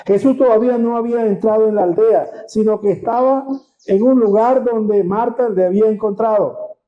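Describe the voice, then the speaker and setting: A pastor preaching a sermon, retelling scripture dramatically and firing rhetorical questions at the congregation. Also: male voice, sits high, normal speed. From Venezuela. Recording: dull lo-fi sound.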